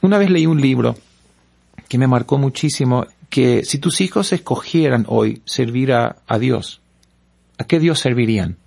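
A pastor from Paraguay telling stories and preaching earnestly, repeating words for emphasis. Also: male voice, medium pitch, lively intonation, unhurried, vocal fry, darkish tone. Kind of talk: preaching-style storytelling in a panel talk.

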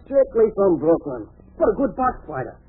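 An actor playing a nervous, streetwise prize-fight manager in an old radio mystery, slangy and tough-talking. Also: male voice, high voice, big pitch swings, moderate pace, slightly rough, exaggerated voice. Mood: uneasy, wry. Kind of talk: old-time radio drama acting. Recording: tinny vintage radio recording.

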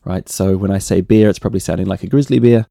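A middle-aged man with a New Zealand accent, hosting a relaxed solo podcast and often tagging his points with "right?". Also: deep voice, fast talker, vocal fry, dry recording, clean studio sound. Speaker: podcast host.

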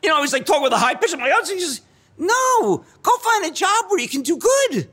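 A middle-aged man being interviewed, talking in an excitable rush and repeating key phrases for effect. His voice sits high and bright and leaps up and down through a lively range. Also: a little fast. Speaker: guest. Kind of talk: animated storytelling in conversation.

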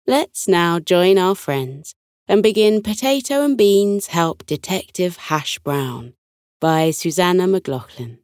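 A woman narrating scripted bedtime stories for children as a podcast host, in a soothing, unhurried sleep story manner. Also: on the low side, lively intonation, a little mellow, dry recording, clean studio sound.

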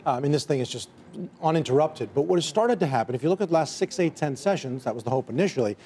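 A man's voice: a little high, lively intonation, fast talker, warm tone, a little hiss or hum. A man giving emphatic, opinionated market commentary on a financial TV panel. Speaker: technical analyst panelist.

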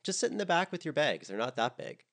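A man's voice: on the high side, big pitch swings, fast, a bit bright, voice pushed up. A man voicing a blunt, grumpy woman who speaks in a dry, curt way. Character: blunt, grumpy middle-aged woman host.

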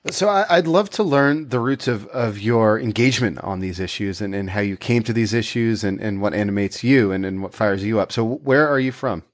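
A man's voice: on the low side, moderate pace, hardly any pauses, no room sound. A man interviewing a guest, asking curious, conversational questions.

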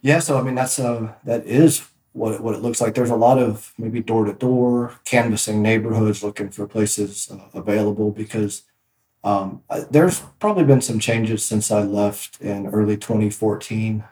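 This man, a real estate agent appearing as a podcast guest, rambles casually through stories about his work and restarts often. He has a lowish, dark voice at a moderate pace, and the recording is reverberant.

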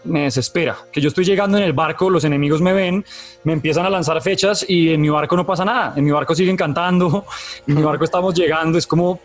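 Animated rambling man, higher voice. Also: fast, faint music behind. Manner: rambling, animated, laughs while talking. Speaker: co-host reviewing a video game. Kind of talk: casual review chat.

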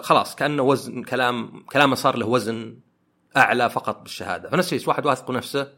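A man hosting a podcast, talking through ideas in a thoughtful way and often pausing to search for words. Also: mid-range voice, bright, forceful tone. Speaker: podcast host. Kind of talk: reflective podcast monologue.

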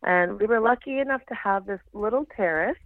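A woman's voice: medium pitch, a little fast, no echo. A woman with a New York City accent who drops T's and word endings, chatting casually as an interview guest. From New York City, Lower East Side of Manhattan. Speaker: podcast guest, farm school director. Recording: thin phone-like radio line.

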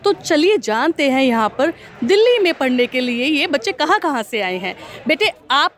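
A woman with a high, light voice interviews young people at a street tea stall. She is effusive and encouraging, cheering each answer. It is recorded outdoors in the city. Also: very animated, normal speed, fairly bright tone. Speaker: host.

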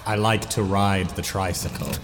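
A man's voice: deep voice, steady tone, moderate pace, slight background noise, close to an everyday voice. A man voicing a sad clown in tabletop role-play, with a mournful, glum whine. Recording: music behind, long reverb.

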